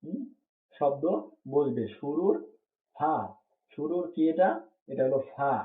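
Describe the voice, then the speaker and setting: This Quran reading teacher's voice sits a little high, and the audio sounds thin and echoey, like a phone call in a hollow space. Patiently, he works through letter names singly, slowly repeating every pair and checking comprehension with questions.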